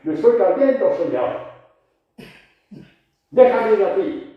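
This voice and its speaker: A man's voice: sits high, very animated, takes it slowly, voice pushed up, exaggerated voice. A man voicing Peter, a desperate man sinking in a storm and crying out to the Lord, pleading and rising to cries, in an echoey church. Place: large church. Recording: echoey church, distant dull mic.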